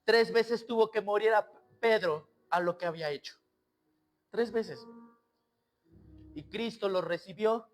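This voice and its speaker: A male pastor preaching a sermon, swinging between loud exclamations and quiet asides and acting out the scenes he tells. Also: sits high, a little slow, long pauses, soft background music. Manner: acts out quoted voices and scenes.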